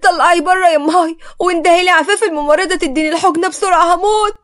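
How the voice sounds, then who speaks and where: A woman's voice: very high-pitched, steady tone, rapid-fire, fairly bright tone, voice pushed up. A woman voicing a defiant young woman doctor who protests sharply in a storybook reading. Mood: pained.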